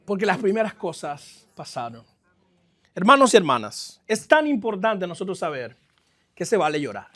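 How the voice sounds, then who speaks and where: Male pastor, middle-aged, very high voice; lively sermon delivery with sharp shifts in volume, some English phrases mixed in. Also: normal speed. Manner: lively preaching, swings between loud exclamations and quiet stretches; mixes English phrases into his speech. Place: church.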